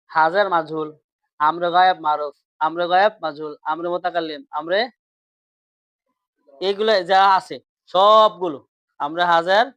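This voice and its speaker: A man's voice: high voice, fairly bright tone, smooth, no echo. A man teaching grammar in class, repeating points and quizzing his students questions.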